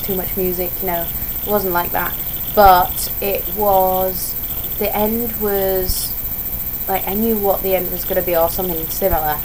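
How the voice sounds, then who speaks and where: A young woman who is ill, with her voice starting to go, chatting in a casual, rambling vlog way and often wandering off on tangents. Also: medium pitch. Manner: digressive, chatty, self-interrupting. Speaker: vlogger. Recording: noisy home vlog recording.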